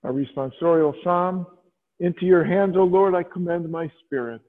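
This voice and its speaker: A fairly high-voiced man leads Mass, reciting prayers and scripture in a slow, solemn cadence. The sound is thin and tinny like a radio broadcast, with a long church reverb trailing each phrase. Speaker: priest leading Mass. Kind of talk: liturgical prayers and scripture reading.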